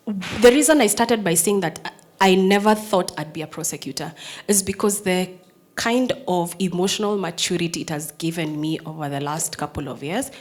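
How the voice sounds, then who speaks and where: In a personal talk before an audience, a female prosecutor in her thirties with a Kenyan English accent speaks at a fairly low pitch. Her voice is firm and strong, alternating quiet, near-whispered lines with forceful, loud ones.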